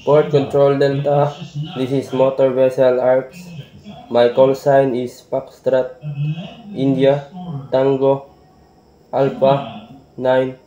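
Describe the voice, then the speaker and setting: Male ship's radio operator heard over the radio, mellow tone, muffled echoey transmission, clipped protocol. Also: medium pitch, completely flat delivery, slow, long pauses. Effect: over a marine radio. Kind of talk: formal radio procedure.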